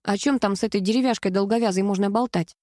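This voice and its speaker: A woman reading aloud, voicing a blunt, sarcastic teenage girl with a mocking, higher voice. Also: fast, a little mellow, no room sound, clean studio sound, lightly acted. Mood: scornful. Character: sharp-tongued sarcastic teenage girl Ksenia.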